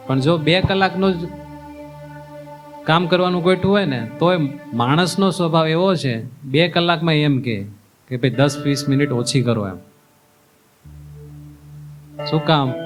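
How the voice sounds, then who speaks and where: A man giving a sermon as a monk, telling folksy stories, acting out characters and asking his listeners questions. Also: on the high side. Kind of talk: sermon with storytelling. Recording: music playing behind the voice.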